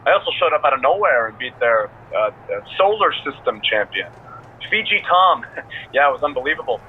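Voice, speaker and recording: An actor voices a goofy, boastful male podcast co-host in a video game, joking and teasing in a medium-pitched, sing-song, fairly quick delivery. The audio is narrow, tinny and band-limited, with faint noise.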